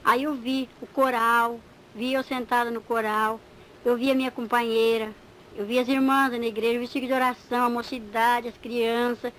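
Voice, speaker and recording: High-voiced woman giving testimony. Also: normal speed, a little hiss or hum, low-quality recording. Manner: animated storytelling, acting out dialogue. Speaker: church member giving testimony. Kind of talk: spoken religious testimony.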